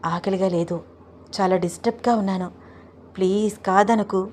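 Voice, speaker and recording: A woman's voice: fairly even intonation, a little mellow, a little hiss or hum, lightly acted. Woman voicing an insistent young husband. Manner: slow, low, coaxing insistence.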